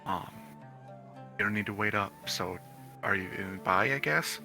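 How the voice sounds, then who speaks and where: Guy voicing an awkward polite heroine, sharp bright voice, lots of ums. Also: lowish voice, measured pace, soft background music, heavily acted. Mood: hesitant. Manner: polite, self-effacing, hesitant. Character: young woman player character, eager to please.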